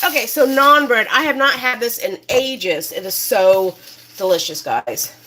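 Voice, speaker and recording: Woman, cooking show host, home kitchen, chatty and rambling, a touch high-pitched. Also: measured pace, bright, forceful tone, a little hiss or hum. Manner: chatty and rambling, many fillers. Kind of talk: casual cooking demonstration.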